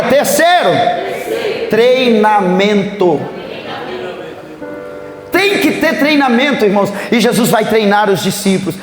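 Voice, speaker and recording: A high-pitched male pastor with a Brazilian Portuguese accent preaches a conference sermon, animatedly telling Bible stories and acting out their scenes. He's in a church sanctuary during a conference service, and the hall is echoey with faint music.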